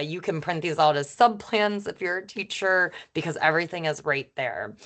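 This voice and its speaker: Fast-talking woman webinar presenter. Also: fairly low pitch, a bit bright. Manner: rapid, chatty, self-described auctioneer pace; friendly and informal, with frequent fillers. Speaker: webinar presenter, former teacher.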